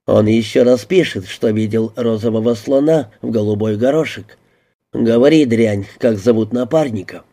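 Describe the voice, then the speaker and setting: A man's voice: on the low side, normal speed, mellow. A man voicing a brash, bullying male police detective who presses a suspect hard. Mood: harsh. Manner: harsh, pushy interrogation.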